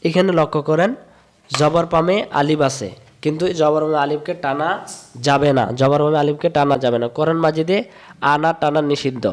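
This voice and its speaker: Patiently guiding learners, a Bangladeshi Quran reading teacher repeats every rule in a sing-song chant, drawing syllables out slowly in a step-by-step recitation lesson. His slightly high voice keeps a steady tone.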